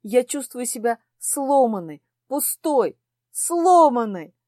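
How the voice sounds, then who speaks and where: Female reader doing a fragile young princess, trembling and pleading, a bit high, storybook. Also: very animated, slow pace, warm tone, dry recording, clean studio sound. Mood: distraught. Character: distraught young princess, fragile, near hysterics.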